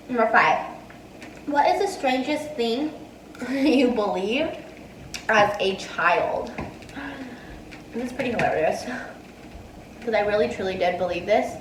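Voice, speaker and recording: A woman's voice: a little high, roomy sound, distant mic, a little hiss or hum, rough recording. A woman in her twenties answering viewer questions between bites, casual and chatty. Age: 20s. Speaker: mukbang vlogger. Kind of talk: casual Q&A while eating. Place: dining room indoors. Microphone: earphone mic, phone in hand.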